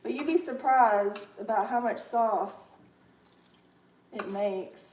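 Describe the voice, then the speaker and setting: A young woman chatting casually on a kitchen livestream, full of fillers and savoring her food out loud. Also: on the high side, takes it slowly, slight background noise. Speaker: livestream host. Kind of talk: casual livestream cooking chat. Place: home kitchen.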